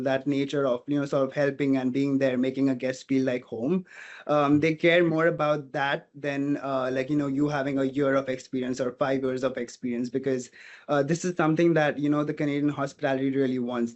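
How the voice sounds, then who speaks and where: Here the same kind of guest, an Indian hospitality student with Portuguese as his first language, talks in a medium-pitched, slightly mellow voice. He's earnest and thinks out loud in this casual interview, leaning on "you know," and the audio is dull.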